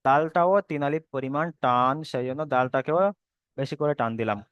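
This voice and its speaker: A man's voice: mid-range voice, brisk, clear, resonant tone, no echo, lo-fi sound. A man teaching a Quran reading lesson, patiently explaining and repeating, stretching sounds out when he demonstrates the letters.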